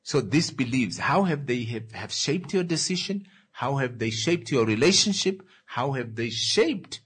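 A man leading a reflective talk, asking the listener slow, repeated questions about their beliefs. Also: medium pitch, expressive, fairly bright tone, husky. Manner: repeats questions, slows for emphasis. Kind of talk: reflective talk with musical breaks.

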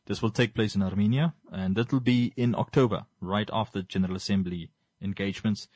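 Man, Namibian accent, fairly low pitch, dry recording, informal current affairs commentary, halting, repetitive, wordy phrasing. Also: fairly even intonation, a little mellow, no echo.

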